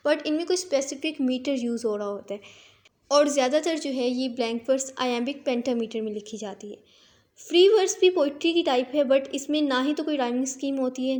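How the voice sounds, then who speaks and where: A woman with a high-pitched voice walks through literature terms as a teacher. She explains in Hindi sprinkled with English words and slows down to read each English definition aloud.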